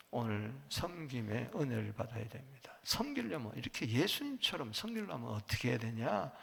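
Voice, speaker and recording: A man's voice: on the high side, creaky, fairly bright tone, husky, big-room sound. A male pastor preaching emphatically to his congregation, having them repeat lines after him. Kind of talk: sermon. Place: church sanctuary.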